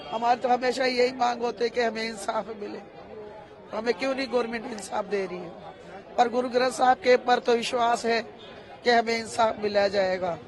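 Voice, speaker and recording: A middle-aged woman in a street interview, insistently repeating her demand for justice as a victim's daughter. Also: a little high.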